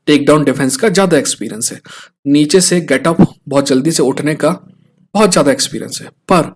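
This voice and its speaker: A young Indian man with a mid-range voice talks through a fight analysis in an easy, conversational way. He keeps tossing quick tag questions at his listeners to pull them along. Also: mid-range voice. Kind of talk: casual explainer talk.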